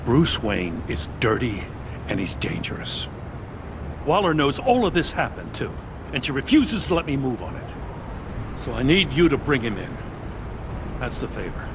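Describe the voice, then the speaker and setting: A hard-boiled, middle-aged police commissioner from a video game. He is gruff, indignant and blunt, with lively swings in pitch over a clear rumble of noise. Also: moderate pace, long pauses. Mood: accusing, insistent.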